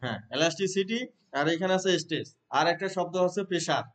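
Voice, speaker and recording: A Bangladeshi man teaching a class of trainee teachers, explaining terms, reading English definitions slowly and asking the room questions. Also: high-pitched, a bit bright. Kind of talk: classroom lecture.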